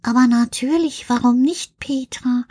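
A woman voicing Karl, an excitable male puppet character who plays eagerly with words. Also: high voice, a little slow, husky, no echo, studio quality. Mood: playful. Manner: eager, playful word games.

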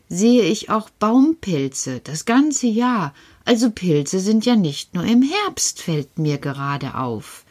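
A woman presenting a children's show, chatting with a puppet figure and musing aloud slowly. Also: mid-range voice, darkish tone. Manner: slow, musing, wondering aloud.

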